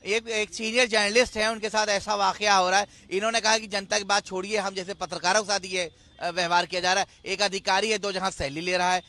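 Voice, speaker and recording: A man hosting a televised debate, firing quick, pressing questions at his guests. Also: high voice, little pitch movement, bright, forceful tone, no echo. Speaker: debate show host, senior journalist. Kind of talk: moderating a TV debate.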